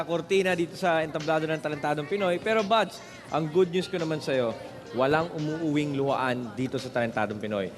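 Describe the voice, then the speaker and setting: A man hosting a TV talent show on a studio stage, upbeat and announcing. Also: on the high side. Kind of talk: broadcast hosting. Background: music and studio audience.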